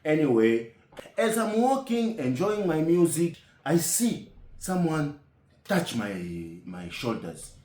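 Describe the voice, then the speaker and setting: Man, comic storyteller, lively indignant delivery, echoey room, loads of rhetorical questions. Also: on the high side, takes it slowly.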